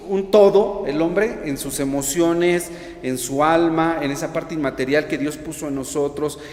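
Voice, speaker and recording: A man's voice: fairly high pitch, darkish tone, a little hiss or hum. Man preaching in an echoey hall. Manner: prays then teaches, asks the audience questions. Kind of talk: sermon. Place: church hall. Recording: echoey hall, long reverb.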